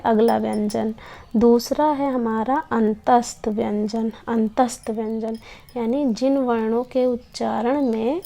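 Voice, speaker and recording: A woman's voice: fairly high pitch, mellow. A woman teaching a Hindi lesson, patiently explaining and sounding out each consonant one by one. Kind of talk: slow classroom explanation.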